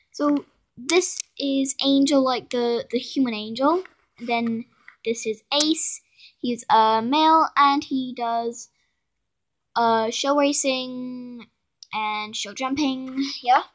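On a handheld phone camera, a young woman gives a hesitant home tour of her toy horse barn in a carpeted indoor room, with many ums and self-corrections. She has a high voice, speaks slowly with long pauses, and there's slight background noise.

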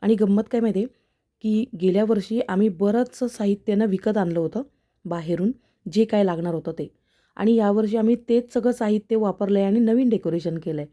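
A woman's voice: mid-range voice, fairly quick, warm tone. A middle-aged woman, talking casually to viewers in a homely cooking vlog. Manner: chatty, homely, addresses viewers directly. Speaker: vlogger, mother.

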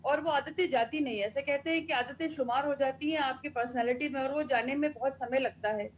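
A woman panelist in a televised debate, speaking in a measured, moralizing way and leaning on old sayings. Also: sits high, muffled recording, slight background noise. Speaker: party spokesperson panelist.

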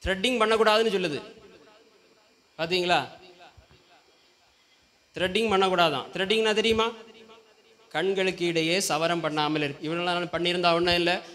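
A man's voice: sits high, steady tone, moderate pace, long pauses, sharp tone. A man preaching a Sunday sermon in a church, often asking the congregation questions and prompting them to call back. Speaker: pastor.

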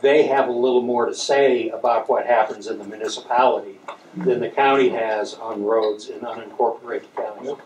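A man, a county commissioner, explaining in a measured way at a town hall. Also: medium pitch, steady tone, a little mellow, highs cut off. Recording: roomy, distant pickup with noise.

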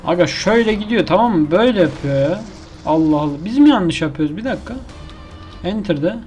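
A man's voice: high-pitched, animated, brisk, darkish tone, faint music behind. A man giving casual commentary over his own gameplay, exasperated and complaining to himself as he keeps failing. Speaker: gaming YouTuber.

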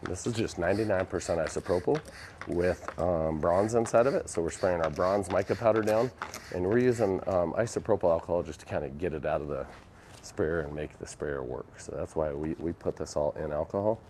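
On a workshop live stream, a young man shows viewers how to work with epoxy, chatting casually and self-deprecatingly in a brisk, low-pitched, darkish voice. His phone camera recording carries a little hiss or hum.

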